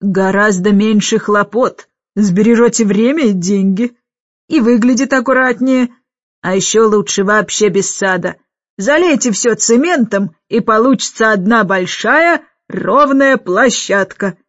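A woman reading an audiobook, voicing a domineering older governess who barks orders loudly and slowly. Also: medium pitch, no echo, dull audio, lightly acted. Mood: scolding. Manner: loud, slow and bossy, barking orders.

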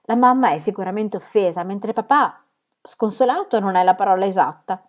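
A woman reader voicing a lively, affectionate young woman in a storybook reading. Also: mid-range voice, a little fast, close to an everyday voice.

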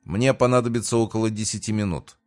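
A man reading an audiobook, voicing a detached male sorcerer who speaks slowly and indifferently. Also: on the low side, fairly even intonation, a little mellow, pitched above the performer's own voice, lightly acted. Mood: cold. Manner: indifferent, slow.

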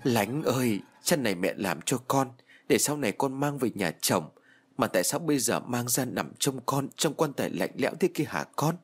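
A man's voice: medium pitch, animated, normal speed, husky. A man voicing a grieving mother who cries over her dead daughter, in a tearful, pleading way. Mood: mournful.

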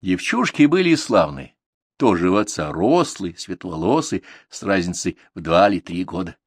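A man reading an audiobook in expressive storytelling narration. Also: low-pitched, moderate pace, husky, dry recording, clean studio sound. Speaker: audiobook reader. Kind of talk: scripted narration.

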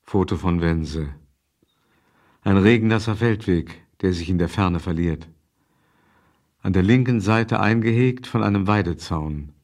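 Very deep, calm male narrator. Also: measured pace, pauses often. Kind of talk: descriptive narration.

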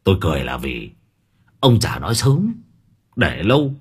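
A man voicing a swaggering young hired thug who talks fast and mocking. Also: low voice, wildly swooping pitch, husky, full character voice. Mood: cocky.

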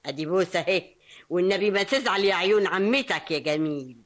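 Lady doing a feisty egyptian auntie, scolds fast and fusses over her niece, old radio play. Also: on the low side, lightly acted. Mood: doting. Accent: Egyptian Arabic. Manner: folksy, quick to scold, affectionate. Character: sharp-tongued motherly aunt, fiery yet doting. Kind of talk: vintage radio drama acting.

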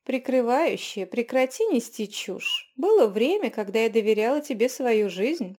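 A woman voicing a brisk, wry healer witch who speaks with calm authority. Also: fairly high pitch, breathy edge.

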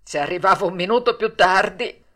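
A woman's voice: mid-range voice, a little fast, fairly bright tone, natural voice. A woman voicing a good-natured hungry male dog in a storybook reading, easygoing and kindly. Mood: friendly.

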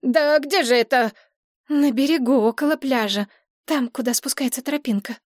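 A woman voicing a young heroine caught in shock, her voice jumping high and loud as she pleads breathlessly into a phone. An audiobook reading, dry and close. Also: normal speed, no echo. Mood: urgent.

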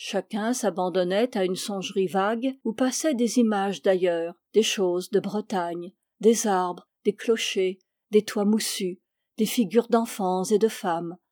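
A woman narrates a classic tale as an audiobook reader. Her reading is measured and expressive, and her voice is warm and mellow. The recording is close and dry. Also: medium pitch, no echo.

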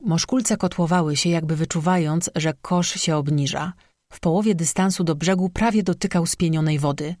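An audiobook narrator reading a legend in a steady, measured scripted narration. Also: medium pitch, no room sound, clean studio sound.

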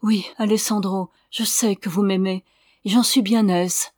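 A woman's voice: medium pitch, steady tone, measured pace, darkish tone, no echo, clean studio sound, close to an everyday voice. A woman reading the lines of a tender, sincere young orphan girl in an audiobook.

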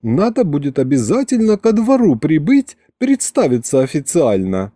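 A man voicing a thoughtful young woman with slow, drawn-out speech. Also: a little high, wildly swooping pitch, dark tone, no echo, clean studio sound, voice pushed up. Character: curious young woman, courtly-minded.

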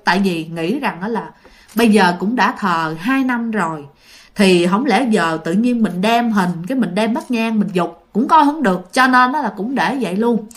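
A woman's voice: fairly high pitch, a bit bright. A woman with a Southern Vietnamese accent telling ghost stories in a chatty, casual way, often speaking directly to her listeners. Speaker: ghost story narrator.

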